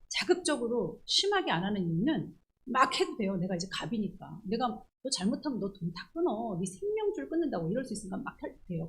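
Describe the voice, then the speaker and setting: A woman pastor preaching a church sermon, animated and acting out the quoted voices herself. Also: a little high, poor audio. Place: church sanctuary.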